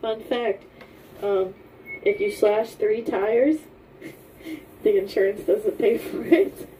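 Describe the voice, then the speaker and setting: A woman's voice: medium pitch, slow pace, dark tone. A young woman co-hosting a podcast in casual chat, speaking in an informal, matter-of-fact way. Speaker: podcast co-host. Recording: distant mic, faint background noise.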